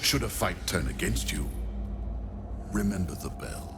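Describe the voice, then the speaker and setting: With music playing behind him, a man with a deep, expressive voice acts as an arrogant, cold male necromancer in a video game cutscene. He gloats with haughty disdain, speaking slowly and deliberately.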